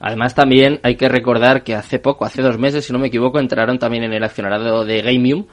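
A man's voice: medium pitch, steady tone. A man hosting a panel discussion, reading news out and asking the guests for their views. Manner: reads news aloud quickly, leads the panel. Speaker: host. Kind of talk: roundtable discussion.

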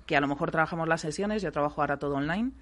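Quick, explanatory Spanish woman. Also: deep voice. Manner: calm, explanatory, asks "¿vale?" often. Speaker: voice therapist guest. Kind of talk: radio interview, explaining.

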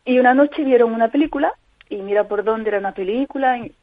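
A woman tells her story in an interview. She speaks earnestly, pausing and restarting often. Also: on the high side, dry recording. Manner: earnest, halting, frequent restarts. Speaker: guest, mother living with chronic pain. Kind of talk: personal account in a call-in interview. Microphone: telephone. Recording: tinny phone line on radio.

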